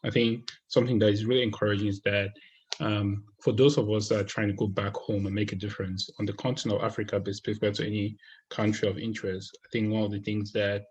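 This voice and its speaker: A man from Cameroon talks through his thoughts on a book in a relaxed, unscripted way, pausing often with fillers and restarting sentences. His voice sits low and husky, and his delivery stays fairly flat. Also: lo-fi sound. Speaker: book reviewer. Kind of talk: casual spoken book review. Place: United States.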